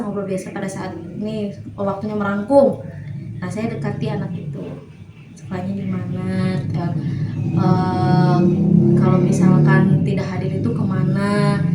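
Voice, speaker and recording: A woman teacher answering interview questions, explaining earnestly with examples and frequent hesitations. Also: medium pitch. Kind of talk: casual interview conversation. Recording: echoey room with faint noise.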